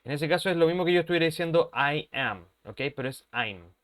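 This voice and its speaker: A man's voice: fairly high pitch, expressive, a little fast, fairly bright tone. A man, an English teacher who explains patiently, repeats his points and keeps checking that his students follow. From Chile. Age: 30s. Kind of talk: language lesson explanation.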